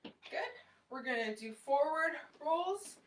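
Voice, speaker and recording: A woman's voice: high-pitched, sing-song, slow, slight background noise. A young woman leading a home workout class, cueing exercises and counting reps with encouragement as she moves. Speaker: fitness instructor. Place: small room at home, indoors. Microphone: far camera across the room. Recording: roomy echo, distant camera mic.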